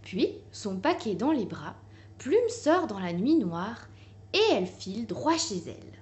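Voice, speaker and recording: A woman reading a children's picture book aloud in a gentle, expressive way. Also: a little high, unhurried. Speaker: storyteller.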